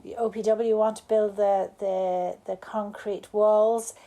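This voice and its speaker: A woman with an Irish accent, not from Cork or the local area, chats casually to a live group at a bar event as a salon speaker. Her medium-pitched voice is warm and flat, and she takes her time, rambling with lots of restarts and fillers.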